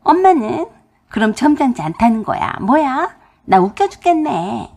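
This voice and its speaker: Brief: woman doing a giggly teasing daughter in a storybook radio drama, husky and high. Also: big pitch swings, moderate pace, darkish tone, full character voice. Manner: teasing, laughing.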